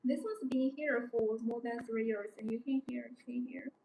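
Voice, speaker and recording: A young woman, not a native English speaker, does an unscripted live sales demonstration that repeats itself, her voice slightly high, a little mellow and creaky, with fairly even intonation at normal speed. She presents from an indoor showroom studio with a desk and backdrop, captured by a distant mic in a roomy space with background noise.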